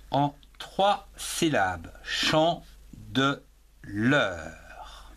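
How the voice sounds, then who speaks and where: Male schoolteacher, slow, careful syllable-by-syllable dictation, animated intonation. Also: a little high. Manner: slow and deliberate, breaks words into syllables. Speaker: primary school French teacher. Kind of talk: slow dictation lesson, spelling words aloud letter by letter.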